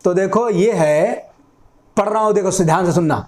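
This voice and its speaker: A man's voice: high-pitched, normal speed, echoey room. A young man teaching an exam-prep class at a whiteboard, often repeating key points and asking and answering his own questions. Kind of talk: classroom lecture.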